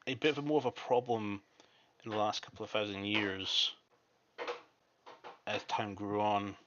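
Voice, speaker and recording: A man's voice: fairly low pitch, moderate pace. A man narrating a tabletop role-playing game as dungeon master. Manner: descriptive, with shouted quotes of villains. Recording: dull lo-fi mic with faint noise.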